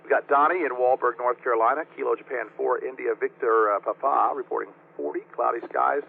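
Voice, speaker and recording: A man's voice: mid-range voice, brisk, vocal fry, slightly rough. A man acting as net control on an amateur radio net, courteously taking check-ins and spelling out call signs phonetically over the radio. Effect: radio transmission. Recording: tinny narrow-band radio, faint noise.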